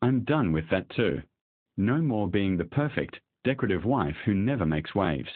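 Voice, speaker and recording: A determined young wife done playing the perfect, quiet spouse, given by a male narrator without changing his voice. The reading is steady, low and slightly husky, with a lively lilt. The sound is dry and thin, like it came down a phone line. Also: normal speed. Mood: resolute. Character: resolute young wife done being passive.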